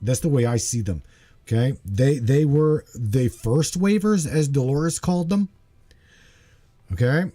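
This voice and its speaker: Emphatic mellow-voiced man in his forties. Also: medium pitch, a little slow. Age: 40s. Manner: animated, emphatic, repeats himself, checks in with "okay?". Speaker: host. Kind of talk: casual livestream chat.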